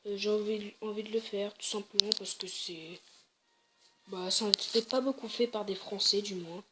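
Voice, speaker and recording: A woman's voice: mid-range voice, fairly even intonation, normal speed, very noisy. A woman casually commenting on her game, chatty and hesitant, often correcting herself. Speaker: let's play gamer.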